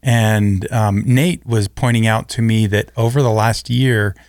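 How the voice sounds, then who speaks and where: A man co-hosts a podcast with a low, gravelly voice. He talks in a laid-back, teasing way. The sound is close and dry, without room echo. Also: fairly even intonation, a little slow, a little mellow. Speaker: podcast co-host. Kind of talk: casual podcast chat.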